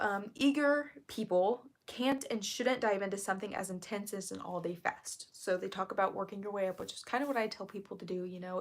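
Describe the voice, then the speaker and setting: A woman with heavy vocal fry keeps her voice down as she chats casually on a livestream, reading aloud and answering viewers. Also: mid-range voice. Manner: keeping her voice kept down and quiet. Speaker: live stream host.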